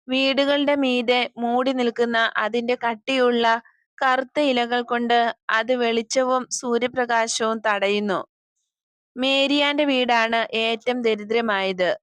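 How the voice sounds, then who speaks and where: A woman's voice: fairly high pitch, a bit bright, no room sound. A woman reading a devotional story aloud as scripted narration, giving the characters' lines in her own voice.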